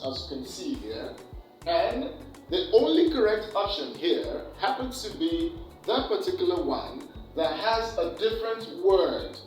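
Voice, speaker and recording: A man teaching an exam preparation lesson, slowly and deliberately, repeating key words for emphasis. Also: high-pitched, a little mellow, distant mic. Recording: echoey room, off-mic, faint music.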